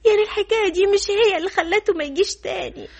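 A woman's voice: very high voice, rapid-fire, vocal fry, slight background noise. An actress playing an emotional young woman who pleads tearfully, in an Egyptian accent, in a radio drama. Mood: tearful pleading. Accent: Egyptian Arabic.

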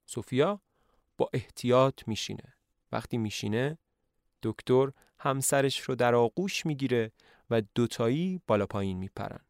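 A man narrating a play's story in a podcast, in a lively conversational way. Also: mid-range voice, vocal fry, no echo, studio quality. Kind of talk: retelling a play, casual storytelling.

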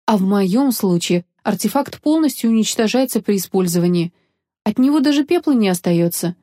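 A woman's voice: mid-range voice, expressive, fairly quick, mellow, dry recording, studio quality, lightly acted. Woman voicing an earnest young woman artificer. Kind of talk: audiobook character voice.

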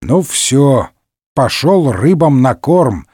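A man's voice: a little high, sing-song, measured pace, a little mellow, slightly rough, dry recording, clean studio sound, full character voice. A man voicing a cheerful, boastful old nobleman musketeer who tells tall tales in a parody audiobook. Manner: exclamatory, tall-tale bragging.

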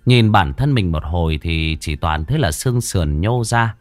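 A man narrating a story in a lively, expressive way into a close mic. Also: sits low, normal speed, no echo, soft background music.

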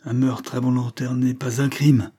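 A man's voice: mid-range voice, little pitch movement, normal speed, dark tone, voice pushed up, lightly acted. A man voicing a frightened male churchman who pleads and bargains for his life in an audiobook. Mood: pleading. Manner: imploring, wheedling.

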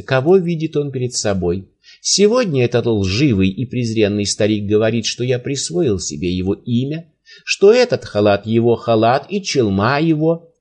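A man's voice: medium pitch, a little mellow, close to an everyday voice. Bold, sly trickster with a courtly mocking tone, voiced by a male reader. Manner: smooth, mockingly polite.

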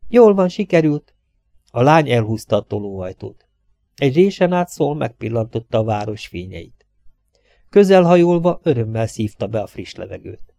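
A man reading a thriller aloud as an audiobook narrator, steady and even. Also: mid-range voice, gravelly, dry recording, clean studio sound. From Hungary. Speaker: audiobook reader.

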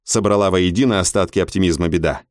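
A man reading an audiobook in an expressive, measured narration. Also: deep voice, no echo, studio quality.

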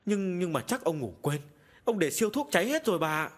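A flustered young servant woman, as a male narrator puts her on, pitched well above his own voice. She stammers and speaks with nervous deference, her tone husky and lively, in a storybook horror reading. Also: moderate pace, exaggerated voice. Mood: urgent.

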